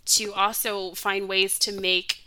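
A woman's voice: medium pitch, flat delivery, slow pace, pushed and bright, no room sound. A young adult woman hosting a solo podcast, talking in an earnest, heartfelt way with lots of "like" fillers, her voice close to cracking with emotion. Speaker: podcast host.

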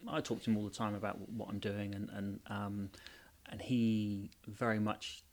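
A man, a heating engineer, talking casually in an interview, hesitant with many pauses and restarts. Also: on the low side, level tone.

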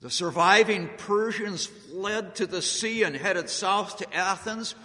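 An American man telling history as a public speaker, deliberate and dramatic, with emphatic pauses. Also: sits high, sharp tone. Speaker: speaker giving a historical talk to an audience. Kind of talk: public storytelling speech on history. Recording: echoey hall with long reverb.

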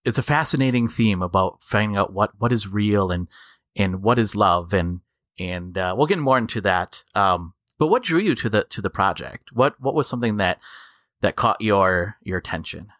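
A man conducting a casual interview, halting and repeating words as he forms his questions. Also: fairly low pitch, expressive, a bit bright, no room sound, clean studio sound.

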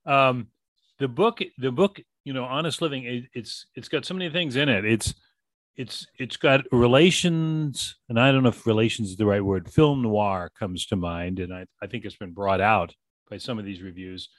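A man from Boston hosting an interview, asking long, halting questions full of restarts. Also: mid-range voice, no room sound. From Boston, USA. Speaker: radio host.

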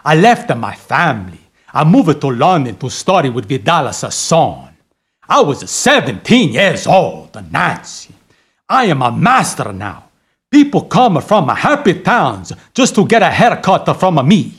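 Guy doing a husky italian barber, broken english, voice swooping all over the place, a comedy audio drama. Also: a little high, huge pitch swings, a little slow, exaggerated voice. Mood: pleading. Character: middle-aged Italian male barber, pleading and theatrical. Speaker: actor.

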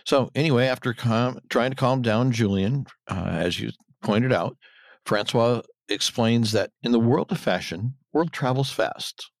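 A man with a mid-range voice co-hosts a podcast, recapping a TV episode scene by scene in casual chat at a measured pace. He retells the scenes and acts out the quotes, with no room sound audible.

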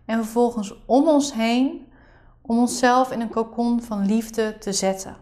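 A woman's voice: fairly high pitch, unhurried, darkish tone. A woman explaining a meditation exercise as the leader of the session.

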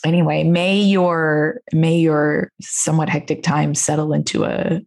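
Woman podcast host, lowish creaky voice, chatting loosely, echoey mic in a hard walled room. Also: level tone, a little slow, a little mellow. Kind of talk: casual chat. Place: indoor room with hard bare walls.

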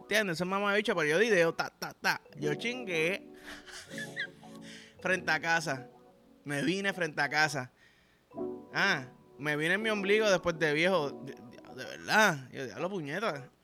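This time the podcast host's voice is a little high, with lively intonation and an unhurried delivery that pauses often. Backed by music, the Puerto Rican man spins a crude, profane, rambling tale in slangy casual talk with his Puerto Rican Spanish accent.

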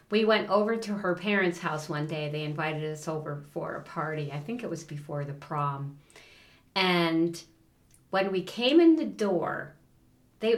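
Middle-aged lady cohost telling stories, does little voices for people, kinda low voice, roomy echo. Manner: animated storyteller, acts out voices in anecdotes. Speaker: podcast co-host. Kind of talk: casual chat.

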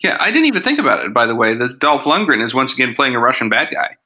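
A man's voice: medium pitch, very animated, quick pace, bright, forceful tone, rough recording. A man hosting a casual podcast reviewing TV episodes, chatty and sarcastic, with lots of asides. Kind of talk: casual chat.

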